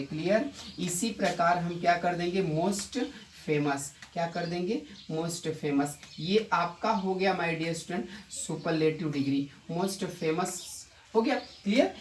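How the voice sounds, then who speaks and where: A male English grammar teacher giving a classroom lesson, repeating key points and quizzing his students with quick rhetorical questions. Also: high voice. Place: coaching institute classroom. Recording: echoey room, distant mic, faint noise.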